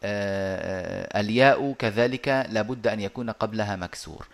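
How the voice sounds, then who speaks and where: A man teaching a lesson over a video call, explaining step by step and pausing often on drawn-out hesitations. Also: lowish voice, gravelly. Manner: measured and methodical, with frequent drawn-out hesitations.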